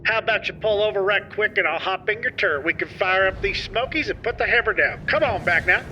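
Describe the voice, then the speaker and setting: A man's voice: sits high, fairly quick, sharp tone. A man putting on a folksy trucker persona, chattering in CB radio slang with mock seriousness over a muffled radio-like channel. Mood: playful.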